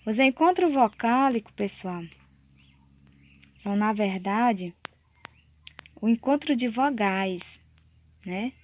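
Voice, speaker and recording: A Brazilian woman teacher giving a slow, explanatory lesson to fourth graders and checking often that the class follows. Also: fairly high pitch, expressive, a little mellow, highs cut off, slight background noise. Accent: Brazilian Portuguese.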